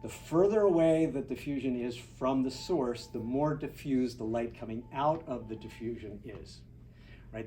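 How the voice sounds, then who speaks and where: A man's voice: mid-range voice, warm tone. A man teaching film lighting in a hands-on workshop, talking in a loose, chatty way with asides and restarts. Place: studio classroom with a group. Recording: echoey room, distant, noisy ambience.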